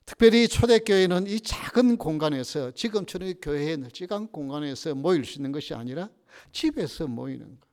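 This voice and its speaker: A male pastor preaches a Sunday sermon, weaving stories and asking the congregation rhetorical questions. His voice sits a little higher than most men's. The sanctuary adds a long, ringing reverb. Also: fairly quick. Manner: lively storytelling with rhetorical questions. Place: church sanctuary.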